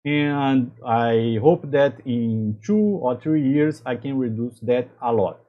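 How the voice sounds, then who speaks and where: Talking straight to camera, a chemical engineer who hosts his own channel offers career advice in halting English, often restarting. He's from Brazil, a native Portuguese speaker with a Brazilian accent and a mid-range voice, recorded with narrow, tinny audio.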